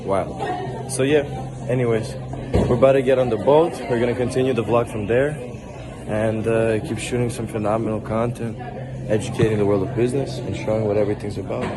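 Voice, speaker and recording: Slightly hoarse man vlogging. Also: lowish voice, steady tone, a little fast, loud music behind the voice, poor audio. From Russia. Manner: upbeat, rambling, swears casually. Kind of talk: casual walk-and-talk vlog. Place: outdoors on busy city streets and a marina.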